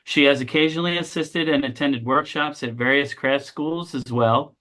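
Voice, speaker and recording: A man hosting a lecture series introduces a guest, halting at first with many fillers, then reading a prepared bio. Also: a little high, sharp tone.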